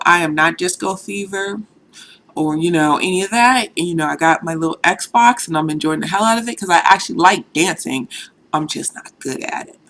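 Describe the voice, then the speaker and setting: A Boston woman in her thirties talks candidly to the camera in a casual vlog, her light local accent surfacing now and then and her speech full of "you know." Her voice is lowish, bright and forceful.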